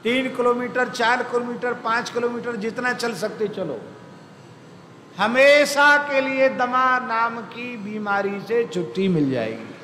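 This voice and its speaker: High-voiced man preaching in an echoey hall. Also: slow, pushed and bright. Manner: emphatic, repeats key phrases for stress. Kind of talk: devotional discourse with storytelling. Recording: echoey hall with faint background noise.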